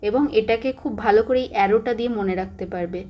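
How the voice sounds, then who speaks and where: A woman's voice: a little high, a little fast, dull audio. A young woman teaching psychology exam revision. She stresses key points, repeats them and mixes in English terms.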